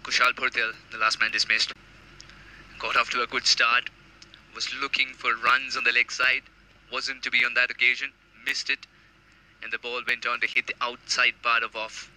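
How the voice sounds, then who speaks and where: A man's voice: medium pitch, sharp tone, slight background noise, poor audio. A man giving expert co-commentary and tactical analysis during a live cricket match.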